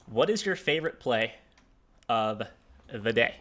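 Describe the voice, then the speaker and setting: A man's voice: medium pitch, expressive, a bit bright, slight background noise. A young man hosting a casual sports betting show, easygoing, running through lines for a poll. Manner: easygoing, halting with restarts.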